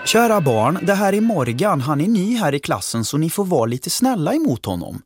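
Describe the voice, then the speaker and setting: A man voicing a kindly female schoolteacher in a read-aloud story, speaking in a high, sweet, coaxing voice. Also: sing-song, husky, faint music behind.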